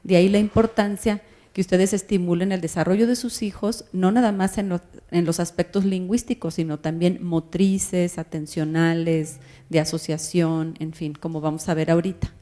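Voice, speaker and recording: Mellow-voiced woman lecturing parents. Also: lowish voice, steady tone, normal speed. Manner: explanatory, asks the audience questions. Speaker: speaker on child language development.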